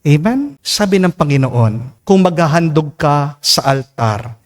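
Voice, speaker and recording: Filipino male priest, emphatic homily delivery, lively sweeping pitch. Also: measured pace. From Philippines. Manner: emphatic preaching, mixing in English, often calling out "Amen?" to the congregation. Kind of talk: homily at Mass. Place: church during Mass.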